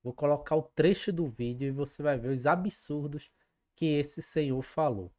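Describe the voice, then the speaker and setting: A woman's voice: deep voice, normal speed, darkish tone. A woman hosting a fan channel, commenting emphatically and with indignation, speaking straight to her viewers. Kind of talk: opinionated commentary vlog.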